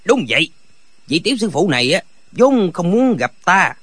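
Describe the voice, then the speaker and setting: A man's voice: high-pitched, sing-song, normal speed, fairly bright tone, slightly rough, no room sound, voice pushed up, exaggerated voice. A man voicing a boastful, hot-tempered rogue who threatens and blusters in an audiobook. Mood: blustering.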